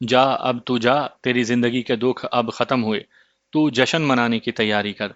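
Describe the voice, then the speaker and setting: A man's voice: mid-range voice, fairly even intonation, a bit bright, no echo, dull audio, lightly acted. Give me a commanding old holy man from a horror storybook, as a man reads him, dry and close. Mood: solemn.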